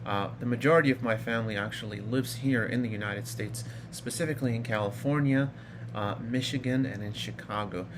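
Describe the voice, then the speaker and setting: A man's voice: mid-range voice, a little fast, background noise. A man in his thirties from Iraq, casually telling his personal story in a rambling way, full of fillers and restarts. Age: 30s. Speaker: vlogger.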